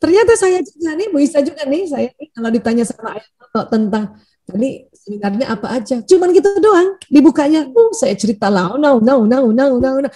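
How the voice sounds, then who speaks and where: A woman speaks high in her range with a mellow, warm tone. She is a doctor giving an animated talk to an audience. She tells stories and slips into quoted dialogue as she goes. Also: a little fast. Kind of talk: lively seminar talk to an audience.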